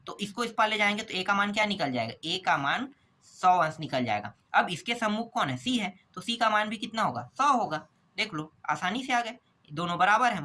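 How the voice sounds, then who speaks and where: A male maths teacher works through exam problems step by step, keeping his tone bright and sharp. He poses quick questions and answers them himself, checking in with a repeated "okay?". The voice is recorded close to the mic. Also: high-pitched.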